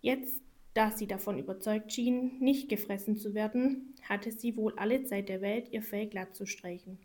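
Brief: woman narrator, calm, even storybook reading. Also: medium pitch, normal speed.

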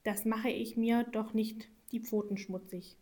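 A woman's voice: on the high side, fairly even intonation, a little slow, dark tone, lightly acted. A woman voicing a dry, aloof house cat. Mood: sceptical.

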